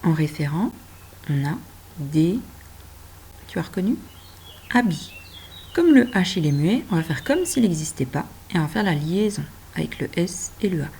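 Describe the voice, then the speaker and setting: A woman teacher gently guiding a child through handwriting and reading, speaking directly to them and stretching words out. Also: on the low side, big pitch swings, normal speed, gravelly, pauses often, a little hiss or hum. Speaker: primary school teacher.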